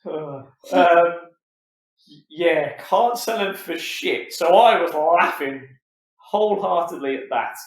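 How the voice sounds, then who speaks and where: A man co-hosting a podcast in casual, animated, swear-filled chat. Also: a little high, slow, reverberant. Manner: animated, swears a lot, acts out voices in quotes. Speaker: podcast co-host.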